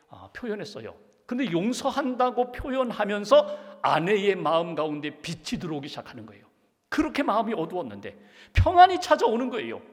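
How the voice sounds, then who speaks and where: A man preaching a sermon as pastor, pressing his point with repeated rhetorical questions. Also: high-pitched. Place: church sanctuary. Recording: long reverb of a church sanctuary.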